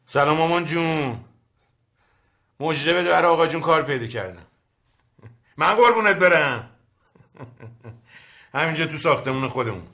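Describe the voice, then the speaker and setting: A man's voice: a little high, lively intonation, pauses often, bright, forceful tone. A man playing a cheeky, scheming younger brother who teases in a sitcom. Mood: cheerful. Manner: teasing, scheming. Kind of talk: sitcom acting.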